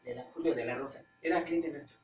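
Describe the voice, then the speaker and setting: A man with a Mexican accent, a pastor preaching conversationally to his congregation, often pausing and searching for words. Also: on the high side, faint music behind. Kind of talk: informal Bible-study preaching. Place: church hall. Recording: roomy church hall, distant mic, faint hum.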